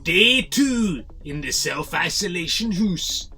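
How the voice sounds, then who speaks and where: A man's voice: high-pitched, animated, slow, bright, forceful tone, soft background music, full character voice. A man in his forties playing a cynical man alone in lockdown, rambling sardonically in a video diary. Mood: sardonic. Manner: sardonic rambling with laughs and swearing. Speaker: man self-isolating alone. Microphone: webcam or phone at home.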